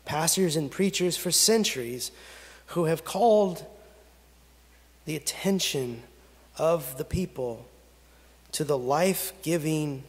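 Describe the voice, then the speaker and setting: Slow-praying pastor in a reverberant sanctuary. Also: male voice, a little high. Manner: slow, measured prayer cadence with long pauses. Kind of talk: pastoral prayer and scripture reading. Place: church sanctuary at a pulpit. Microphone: pulpit gooseneck microphone. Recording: long reverb of a church sanctuary.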